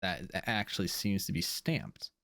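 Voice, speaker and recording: Low-voiced man narrating a tabletop game. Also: sing-song, normal speed, creaky, a bit bright, dry recording, studio quality. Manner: casual, filler-heavy narration. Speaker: game master.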